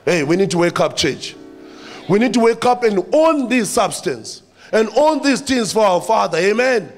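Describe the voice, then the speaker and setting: A man's voice: sits high, big pitch swings, moderate pace, soft background music. A man with a South African accent preaching a sermon, addressing the church and repeating his phrases for emphasis.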